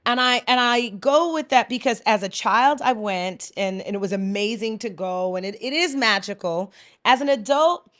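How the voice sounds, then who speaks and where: A middle-aged woman co-hosting a casual chat show, chatty and expressive, laughing often. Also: fairly high pitch, moderate pace. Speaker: co-host.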